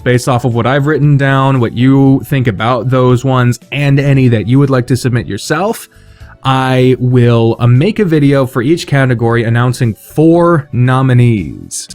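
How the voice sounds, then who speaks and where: Announcing fan awards, a man hosts a video as an unscripted, casual monologue, rambling, swearing freely and running himself down. His voice is medium in pitch with vocal fry.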